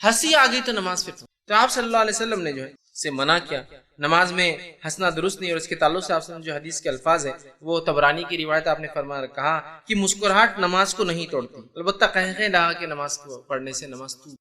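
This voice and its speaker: A male preacher delivers an explanatory religious lecture with a high, bright voice. He slows down to stress key rulings and pauses to ask his listeners whether they understand. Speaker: Islamic preacher.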